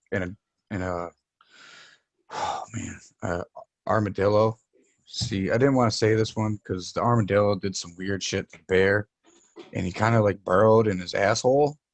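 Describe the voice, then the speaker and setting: Laid-back stoner man with a low voice. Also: creaky, no echo. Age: adult, parent of young child. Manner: swears freely. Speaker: podcast co-host. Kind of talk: casual podcast banter and storytelling.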